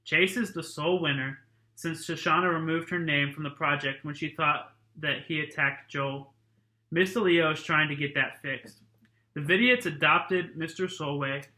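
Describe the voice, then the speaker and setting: A man, a teacher, reading a novel aloud to his students in a plain, steady, casual way. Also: a little high, unhurried, reverberant, poor audio.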